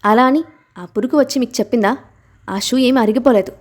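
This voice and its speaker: A woman reading an audiobook aloud and voicing an emotional young wife who is quick to protest, her pitch and volume lifting a little above her narration. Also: dark tone, close to an everyday voice. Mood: indignant.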